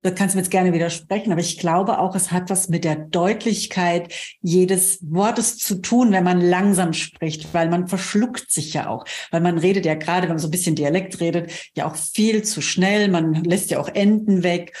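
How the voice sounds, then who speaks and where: Chatty woman podcast host, lowish voice. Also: steady tone, moderate pace, few pauses, a little mellow. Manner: chatty, often adds tag questions. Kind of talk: casual interview chat.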